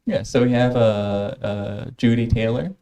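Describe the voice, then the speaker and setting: A man's voice: mid-range voice, unhurried, gravelly, mellow. A man co-hosting a livestream in casual chat, recorded with some faint background noise.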